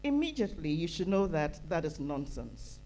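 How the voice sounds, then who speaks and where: Her deep, slightly mellow voice has a sing-song quality at a normal speed as she addresses a conference hall from the audience via handheld mic. The woman, from Ghana, is earnest and emphatic, repeating phrases to build her point. The recording is rough, with faint hiss or hum.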